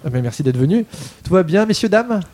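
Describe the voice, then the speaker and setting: Man, radio host, casual, fast, slightly higher voice. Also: very animated, darkish tone. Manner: chatty, introduces guests.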